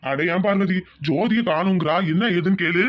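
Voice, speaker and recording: A man voicing a stern older village man who heads the family, gruff and scolding, in a cartoon. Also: sits high, normal speed, close to an everyday voice. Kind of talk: cartoon voice acting.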